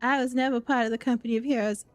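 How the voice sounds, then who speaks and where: A woman voicing a boastful, cowardly male sailor with a rough pirate-like drawl, reading game dialogue aloud. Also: medium pitch, moderate pace, no echo, soft background music, natural voice. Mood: panicked. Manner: bragging, then babbling in panic.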